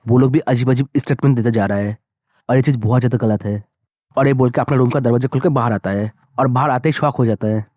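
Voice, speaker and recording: A man tells a manga story at a brisk clip, speaking every character's lines in one unchanging voice. His tone is mellow and somewhat dark, and the recording is dry and close, with no room sound. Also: mid-range voice, dry recording. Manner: rapid, plain retelling of dialogue. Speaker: manga recap narrator. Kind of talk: storytelling recap, voicing all characters in the same voice.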